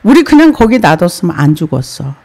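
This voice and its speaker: A woman's voice: fairly low pitch, very animated, a little fast, warm tone. A woman preacher voicing a resentful Israelite complainer who whines accusing questions. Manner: whiny accusing rhetorical questions.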